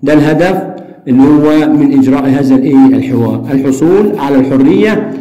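A man with an Egyptian accent, teaching Arabic. He reads a textbook passage aloud, then works through the answer choices with drawn-out "aah" fillers. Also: mid-range voice, dark tone. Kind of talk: reading a textbook aloud and explaining exam answers. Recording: echoey room.

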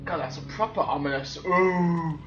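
A man's voice: a little high, normal speed, music in the background. A man commentating his game play, jumpy and swearing, exclaiming at every scare. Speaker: let's play gamer. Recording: echoey, slightly dull, faint noise.

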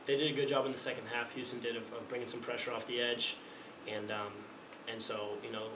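Young male athlete, rapid flat delivery, restarts phrases constantly; roomy press room, mic at a distance. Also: medium pitch. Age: young adult. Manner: halting, repeats words as he restarts phrases. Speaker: college quarterback. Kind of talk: postgame press conference answers. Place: press conference room, indoors. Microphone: table mic in front of him. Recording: echoey room, distant mic, background noise.

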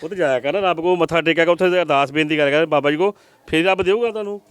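A man's voice: fairly high pitch, rapid-fire, fairly bright tone, smooth, no echo. A man reporting from a poor family's village home, making earnest appeals to viewers for help.

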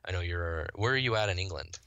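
Here the Midwestern founder of a software company is a fast talker, his low voice bright, forceful, clear and resonant. As a podcast guest he explains his product with casual enthusiasm and fluency, restarting at times, on a lo-fi recording without echo.

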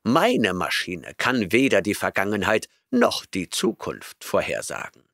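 A man's voice: lowish voice, wildly swooping pitch, unhurried, a bit bright, no echo, clean studio sound, full character voice. A man reading an audiobook voices an arrogant, eccentric male professor who lectures impatiently and snorts at his listener.

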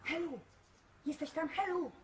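An actor playing a father stuck on a balcony, giving his daughter urgent, hushed orders. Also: extremely high pitch, a little slow, distant mic, a little hiss or hum. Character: bossy scheming father, middle-aged man. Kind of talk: sitcom acting.

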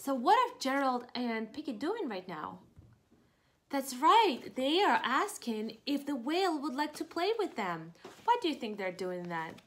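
Indoors in a living room, a young adult preschool teacher does an expressive picture-book read-aloud for small children, explaining and asking questions. She speaks in a high-pitched, sing-song, slightly bright voice, a little slowly.

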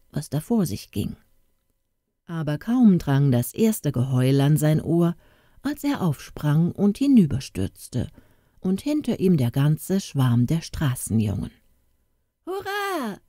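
A woman reading a Christmas story aloud in a calm, expressive way. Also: low voice, dry recording, clean studio sound.

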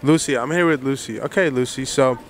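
A young man interviews strangers on the street, joking and teasing as he goes. His voice sits at an everyday middle pitch. Traffic passes nearby on the open boardwalk. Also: fairly quick. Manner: joking, teasing, swears freely. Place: outdoors on a city beachfront.

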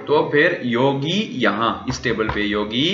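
A man lectures a language class slowly, his medium-pitched voice animated and fairly bright. He explains words and often quizzes students with questions, recorded dull and roomy in a classroom.

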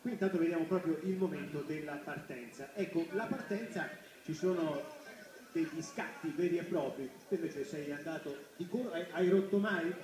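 A man's voice: fairly high pitch, moderate pace. Echoey, distant male race commentator. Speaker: sports commentator and interviewer. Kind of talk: live race commentary with interviews. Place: outdoor commentary table at a sports field. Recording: very echoey, distant, crowd noise, filmed off television. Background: crowd.

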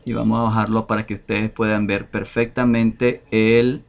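A man teaching English vocabulary over a screen share, talking in a slow, hesitant way with many fillers. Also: on the low side, flat delivery.

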